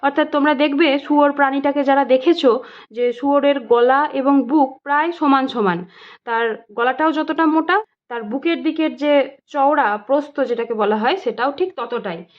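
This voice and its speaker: A woman's voice: high-pitched, moderate pace. A woman tutor with a Bengali accent, reading a story aloud to students and explaining each passage in plain words. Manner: reads story lines aloud, then explains them plainly. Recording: dull lo-fi sound.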